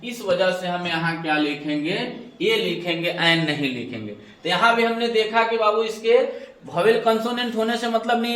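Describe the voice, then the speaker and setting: Guy teaching english grammar, high voice, step by step, echoey room far from the mic. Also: fairly bright tone. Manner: explains step by step, asks questions and answers them, calls students "babu". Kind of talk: classroom lesson explanation.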